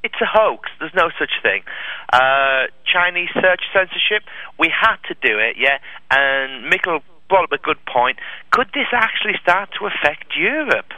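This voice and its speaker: A man's voice: fairly high pitch, big pitch swings, normal speed, no echo. A man co-hosting a casual chat, blunt and teasing, who swears freely. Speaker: podcast co-host. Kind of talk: casual banter. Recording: dull lo-fi line.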